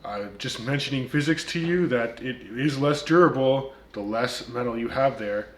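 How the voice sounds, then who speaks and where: In an echoey room, a mid-range male voice at normal speed hosts a laid-back vlog. He reviews watches on his channel, speaks with a slight Turkish accent, and counters critics with wry retorts amid frequent ums and uhs.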